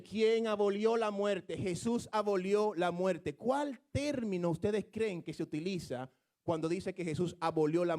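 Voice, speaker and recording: A man's voice: high-pitched, a little mellow. A man preaching a sermon, explaining scripture in a teaching manner that rises into fervent, emphatic exclamations.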